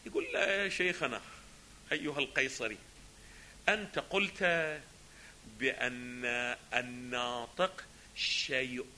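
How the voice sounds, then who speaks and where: A man's voice: medium pitch, a little slow, long pauses, bright, forceful tone, slight background noise. A man giving a lecture on a philosophy text, often asking rhetorical questions and answering them himself. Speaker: religious scholar teaching a text.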